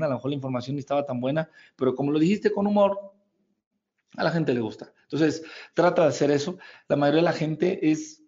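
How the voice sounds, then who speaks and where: A man's voice: a little high, a little mellow. A middle-aged man with a Mexican accent, giving a folksy, joking motivational coaching talk to network marketing teams. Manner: folksy and joking, calls the listener compadre. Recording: dull lo-fi recording.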